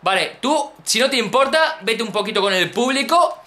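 Young Spanish man, bright sharp tone, animated gaming commentary in an echoey room. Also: extremely high pitch, normal speed. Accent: Peninsular Spanish. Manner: excitable, exclaims and repeats phrases, addresses viewers. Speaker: gaming YouTuber. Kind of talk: excited let's-play commentary.

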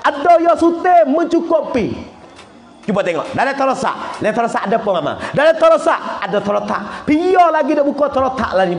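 A man giving a humorous religious lecture, joking, laughing often and bursting into shouts. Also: very high-pitched, reverberant, a little hiss or hum. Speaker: religious teacher.

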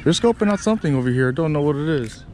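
A man with a mellow, warm voice and a lively, rising pitch gives relaxed commentary to his camera while out fishing from a kayak. He's recorded on a chest-mounted action cam on open water, with faint wind and ambient noise behind him. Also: racing. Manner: relaxed, talks to himself and the camera between casts. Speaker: kayak angler vlogger.

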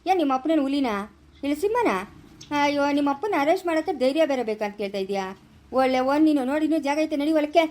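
A woman acts out a fearless young police inspector who fires off taunts fast in a high voice. The lines come quick and emphatic, in a homemade family skit. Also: a little mellow, close to an everyday voice. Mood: taunting. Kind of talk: amateur family skit acting.

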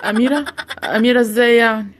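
A woman's voice: on the high side, steady tone, very fast, very noisy, close to an everyday voice. A woman voicing a jumpy young lamp-finder. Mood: dismissive. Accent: Egyptian Arabic. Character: young man who finds a magic lamp, nervous.

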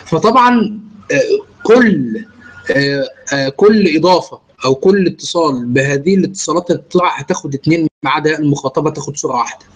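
A man with an Egyptian Arabic accent, his voice sitting a little high. He teaches a grammar class patiently, step by step. He keeps turning to his students with questions. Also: poor audio. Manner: explains step by step, quizzing students. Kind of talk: online grammar lesson.

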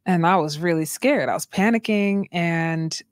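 Young woman, interview guest, low-pitched, earnest, filler-heavy, dry close recording. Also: moderate pace, no room sound. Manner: earnest, many fillers like "like" and "you know". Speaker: interview guest, doula and midwife. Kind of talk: candid personal storytelling.

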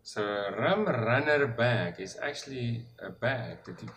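South african guy w afrikaans accent, 40s, casual vlog chat explaining stuff, mid pitch. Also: expressive, a little slow, a bit bright, a little hiss or hum. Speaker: sailing vlogger. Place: small room at home, indoors.

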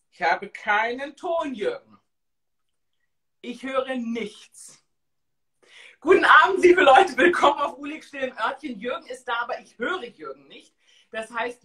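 A woman in her forties hosting a casual live stream, chatting in an expressive, exclamatory way. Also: on the high side. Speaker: host of a live-stream talk show. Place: small tiled room indoors.

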